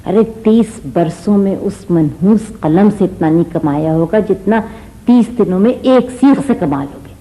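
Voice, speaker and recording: Woman playing a sarcastic middle-aged mother, comic stage play, slow, scolding. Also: medium pitch, lively intonation, warm tone, natural voice, rough recording. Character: sharp-tongued middle-aged wife and mother.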